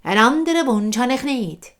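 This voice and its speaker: A woman storyteller with a Swiss German accent voicing a repulsive old woman who bargains slowly and slyly. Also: a little high, animated, pitched above the performer's own voice, close to an everyday voice. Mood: sly, bargaining.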